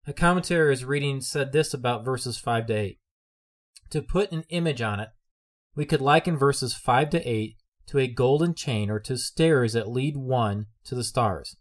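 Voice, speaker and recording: A man's voice: medium pitch, normal speed. A man preaching a sermon in an earnest way, often repeating his phrases for emphasis.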